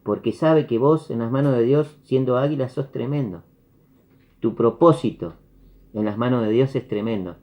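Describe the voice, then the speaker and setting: This man, who has a Rioplatense Spanish accent, uses a medium pitch and normal speed as he preaches a parable. He's an animated storyteller, acting out what the characters say. The recording comes through a video call with dull, lo-fi quality.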